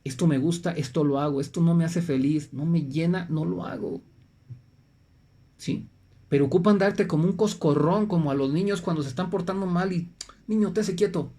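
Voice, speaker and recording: A man's voice: fairly high pitch, moderate pace, dark tone. A man gives an informal health talk to his viewers. He keeps checking in with "right?" and often repeats and restarts his phrases as he explains. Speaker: natural health presenter.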